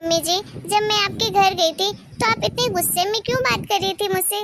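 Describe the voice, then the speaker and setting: A woman's voice: very high-pitched, brisk, creaky, noisy background. A woman voicing a sweet, eager young daughter-in-law who talks in a polite, coaxing way in a cartoon story.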